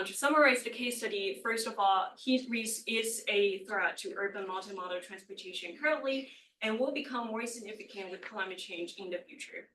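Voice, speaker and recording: A young adult woman speaks as a doctoral candidate at her thesis defense. Her voice is bright and clear-edged, with a hesitant, hedging delivery that trips on words. She sounds away from the microphone in an echoey room. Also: mid-range voice, slight background noise. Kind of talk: academic presentation. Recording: echoey room, far from the mic.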